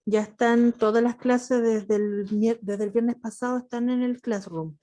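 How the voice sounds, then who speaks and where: A woman's voice: on the high side, steady tone, a little slow, mellow. A woman with a Chilean accent teaching a math class over a video call, patient and affectionate with her students. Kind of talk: online class lecture.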